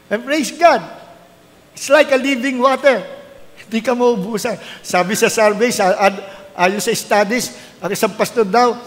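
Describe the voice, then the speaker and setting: A man's voice: high voice, big-room sound. A middle-aged man, a pastor, preaching a sermon and telling his story with animation, mixing English into his talk.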